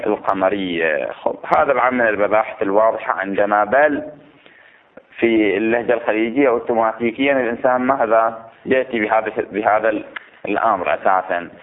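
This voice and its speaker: A man's voice: fairly low pitch, quick pace. A man teaching a class on recitation rules, explaining step by step and asking the students questions. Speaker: religious teacher. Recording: tinny phone-like lo-fi recording.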